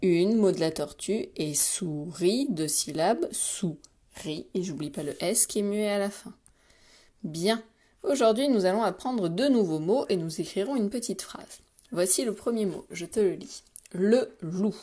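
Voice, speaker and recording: A woman teacher giving a spelling dictation to young children, speaking slowly and pronouncing each syllable with care. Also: mid-range voice, expressive, mellow. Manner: slow, carefully articulated, patient; repeats words and stresses syllables for spelling. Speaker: primary school teacher.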